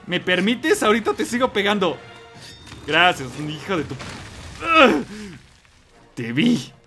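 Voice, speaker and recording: A young Mexican man with a Mexican Spanish accent commenting on his own gameplay, excitable and quick to yelp and curse. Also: high voice. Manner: excitable, yelps and curses at the game. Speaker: gamer. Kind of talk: let's play commentary.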